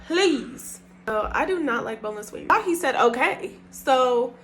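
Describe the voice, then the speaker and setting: Young woman, casual storytime vlog, animated and profane, slightly high voice, faint background hiss. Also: normal speed. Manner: animated, profane, breaks into laughter. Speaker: storytime vlogger.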